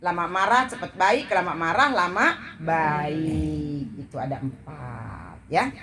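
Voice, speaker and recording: Speaking slowly in a low voice, a woman leads a women's study group in an informal talk before a live audience. She's playful, joking with the listeners and quizzing them again and again, while crowd noise fills the background.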